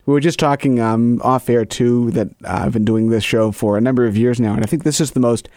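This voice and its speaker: A man's voice: mid-range voice, a little fast, a little mellow, no echo, studio quality. A man hosting a radio show, speaking in an announcer's presenting style as he handles introductions and interviews. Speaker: radio host.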